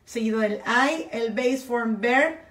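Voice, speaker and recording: A woman with a high voice teaches English grammar, breaking each sentence pattern into steps and moving between English and Spanish. Her voice rings around an echoey room. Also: slow pace, a bit bright. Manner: explains step by step, switching between English and Spanish. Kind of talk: bilingual grammar lesson.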